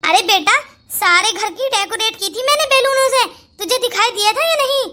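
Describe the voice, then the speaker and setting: A high voice doing a bossy scheming mother-in-law. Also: moderate pace, background noise. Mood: dismissive. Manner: scolding, plotting. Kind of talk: Hindi cartoon voice acting.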